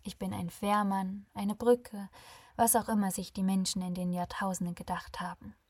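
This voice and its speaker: A woman playing a calm ferrywoman of souls, warm, friendly, mildly sarcastic, breathy, dry close sound. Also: medium pitch, moderate pace, no echo. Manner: warm, friendly, softly teasing.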